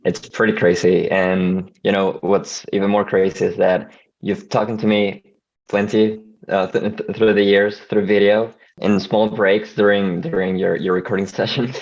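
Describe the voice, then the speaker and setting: A Venezuelan video editor speaks hesitantly on a casual video call, often stammering and restarting his words. His voice is fairly low and level, at a measured pace, with lo-fi sound.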